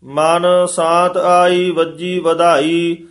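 Man chanting scripture slowly and flatly. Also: on the high side. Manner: slow, even, half-sung line-by-line recital. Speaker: student.

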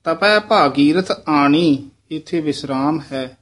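A man leads a recitation lesson, his slightly raised voice moving at an unhurried pace. He models each phrase carefully, then adds brisk asides about where to pause. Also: a little high. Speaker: teacher of scripture recitation.

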